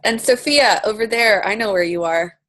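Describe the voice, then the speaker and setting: A woman's voice: medium pitch, normal speed, a bit bright. A woman from Romania hosting an online coaching session over a video call, upbeat and chatty as she greets each guest by name. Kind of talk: casual video-call welcome and introduction.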